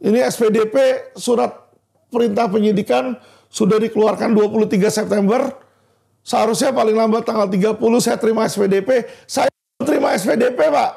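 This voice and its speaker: A man's voice: sits high, steady tone, a little fast, creaky, darkish tone. A man speaking as a lawyer, delivering a heated legal commentary and repeatedly addressing an official as "Pak," in a manner. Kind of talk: impassioned legal commentary video.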